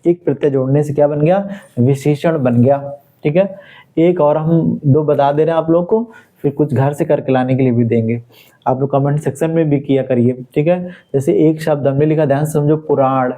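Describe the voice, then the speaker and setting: An Indian male teacher with a voice on the high side and fairly even intonation gives a Hindi grammar lesson to exam students at normal speed. Explaining step by step as he writes, he repeatedly asks questions and answers them himself, and the audio is narrow and tinny.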